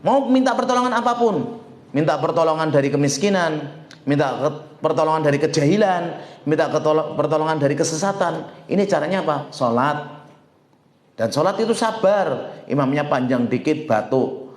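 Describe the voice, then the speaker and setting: A man preaching an informal sermon as an ustadz, lively and joking with his listeners and reciting Arabic slowly. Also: a little high. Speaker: ustadz giving a religious study talk. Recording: echoey room.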